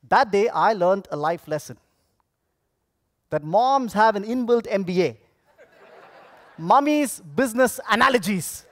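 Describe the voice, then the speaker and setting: Man, high voice, very lively intonation, theatrical motivational speech, projected delivery, dramatic pauses, dry sound. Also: no room sound. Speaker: contest public speaker. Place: on stage at a speech contest convention.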